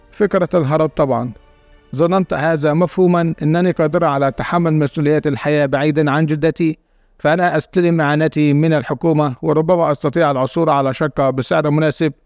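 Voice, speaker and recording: Brief: male story narrator, slightly high, dry close sound, steady dramatic reading. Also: no echo. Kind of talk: scripted first-person story narration.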